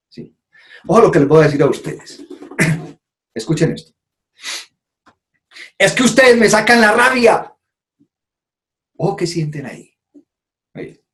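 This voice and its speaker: This man's medium-pitched voice has a darkish tone as he gives a conference talk to a live audience. Quoted phrases get acted out, and "¿sí?" comes up often as he checks in.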